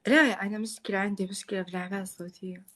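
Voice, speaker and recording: A man's voice: high voice, steady tone, very fast, fairly bright tone. A man putting on the voice of a young woman, coy, polite and insistent, in a live prank chat. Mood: coy, friendly. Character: soft-spoken young woman, pleading and friendly, in a prank.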